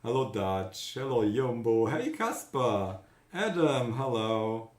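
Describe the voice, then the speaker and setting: Slow-talking Central European man, roomy echo. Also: mid-range voice, very animated. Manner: greets chat viewers by name, halting with fillers. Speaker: livestream host. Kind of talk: casual live-stream chat.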